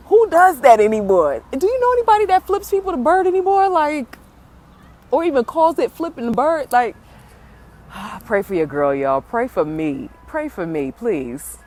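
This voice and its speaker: A woman vlogger telling viewers a funny confession in a casual, animated way, laughing through her story and calling them y'all. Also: fairly high pitch.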